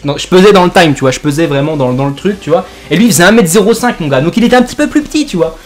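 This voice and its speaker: A man's voice: high-pitched, expressive, very fast. A young man from France, a gaming YouTuber, tells a made-up joke story over gameplay in rambling, jokey slang full of fillers.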